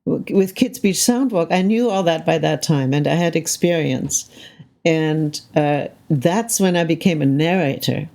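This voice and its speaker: A deep, dark-toned female voice belongs to an older Canadian soundscape composer, speaking unhurriedly. She's being interviewed in a reflective, conversational way, thinking aloud and often adding "right?".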